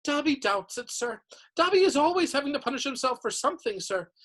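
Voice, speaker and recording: Dobby, a woman doing a squeaky, groveling house elf. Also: animated, fairly quick, fairly bright tone. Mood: earnest. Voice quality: high-pitched, squeaky. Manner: humble, over-polite, keeps saying sir. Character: small, earnest, servile male house elf. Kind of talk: storybook reading.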